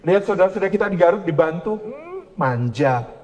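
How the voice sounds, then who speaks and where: A male preacher gives a parenting talk to a gathered audience. His voice sits high and swings widely as he moves between teaching and storytelling. He delivers it in an animated way. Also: brisk, dull audio. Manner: animated, acts out quoted parents in higher voices. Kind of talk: parenting lecture. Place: lecture to a live audience.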